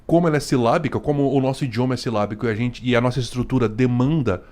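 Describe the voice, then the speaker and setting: A Brazilian man talks casually as the host of a reaction video. He is chatty and slangy, at a middling pitch, and keeps checking in with his listeners. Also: racing, a little mellow. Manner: chatty, constant "né" and "cara", slangy. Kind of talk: casual commentary.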